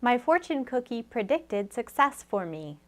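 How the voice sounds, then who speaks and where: A woman reading short example sentences in an English pronunciation lesson, plain and clear. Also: on the high side, very animated, unhurried, fairly bright tone.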